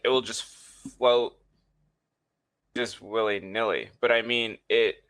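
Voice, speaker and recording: A man's voice: mid-range voice, a bit bright. A young man co-hosting a casual podcast, arguing in a rambling way full of fillers over a voice-call mic. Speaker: podcast co-host. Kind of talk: casual chat. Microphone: computer mic over a voice call.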